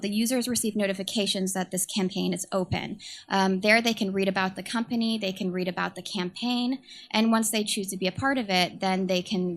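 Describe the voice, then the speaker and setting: Nervous and hesitant, a young communications manager from San Francisco pitches a startup in a quiet voice, full of ums and uhs. There is slight background noise in the recording.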